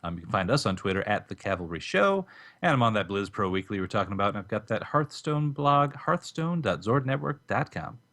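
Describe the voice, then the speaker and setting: Low-voiced chatty podcast co-host. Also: male voice, big pitch swings, brisk, fairly bright tone. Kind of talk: casual podcast chat.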